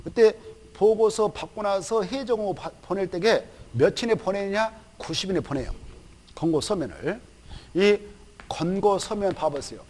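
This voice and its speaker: A male lecturer with a fairly high voice teaches a recorded exam-prep course. He talks in a lively, chatty way, throws questions at his students and answers them himself, and slips into quick acted-out asides. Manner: acts out officials in quick quoted asides.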